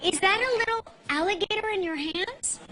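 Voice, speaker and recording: Lively high-voiced talk show co-host woman. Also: moderate pace. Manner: chatty, teasing. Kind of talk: morning talk show banter.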